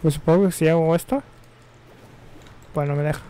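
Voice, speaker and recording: Young male streamer, a touch high-pitched, loose and slangy, drifts between game and news. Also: fairly quick, dark tone, clean tone. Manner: rambling, offhand, slangy and self-correcting. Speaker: gaming streamer. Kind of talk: casual live-stream chat while gaming.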